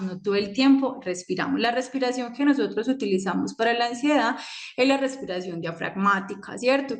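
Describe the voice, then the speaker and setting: A young adult woman, a psychologist giving a conversational talk on managing anxiety and asking many rhetorical questions. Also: medium pitch. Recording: echoey room.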